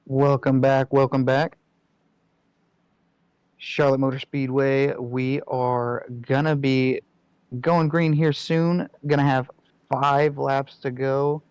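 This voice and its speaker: A man offering color commentary on an online truck race. He talks slowly and deliberately, and his voice sits at a medium pitch. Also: level tone, darkish tone, clear, resonant tone, dry recording. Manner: slow, measured analysis. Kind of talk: sim racing analysis.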